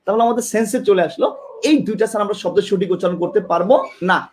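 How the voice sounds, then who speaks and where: High-pitched fast-talking male teacher. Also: a little hiss or hum. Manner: repeats points, asks students questions; demonstrates with tongue and lips. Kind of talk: online exam-prep class. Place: classroom with a board.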